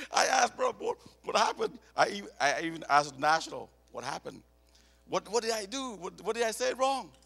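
High-pitched gravelly man preaching. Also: normal speed. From born in Cambodia, raised in America. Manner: animated, repeats words and restarts, tells personal stories. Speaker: missionary preacher. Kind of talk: sermon. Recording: echoey hall reverb.

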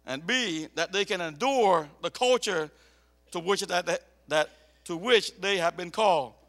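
A man born in Cambodia and raised in America, preaching as a missionary, animated and prone to repeating himself as he tells personal stories. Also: sits high, unhurried. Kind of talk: sermon. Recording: echoey hall reverb.

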